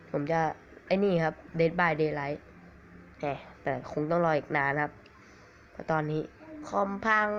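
Excitable man with a cold, lo-fi. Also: on the high side. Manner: rambling, excitable, swears at the game. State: has a cold. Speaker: mobile game caster. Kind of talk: excitable gameplay commentary. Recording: dull lo-fi recording with faint hiss.

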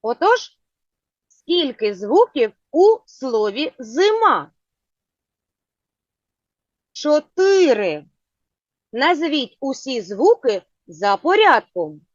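A woman teaching a children's phonics lesson, asking patient, clearly spoken questions. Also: high-pitched, big pitch swings, takes it slowly, no echo. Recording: dull lo-fi sound.

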